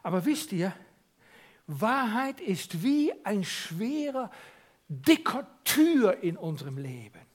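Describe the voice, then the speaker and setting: A man preaches a Christmas sermon in a high, sing-song voice at a slow pace. He asks rhetorical questions and moves from near-whispers to loud, emphatic lines.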